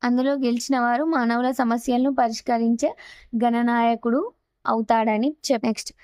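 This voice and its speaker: A woman's voice: on the high side, steady tone, normal speed, a little mellow, clean tone, dry recording. A woman teacher, going over a school lesson and saying each word twice for her pupils.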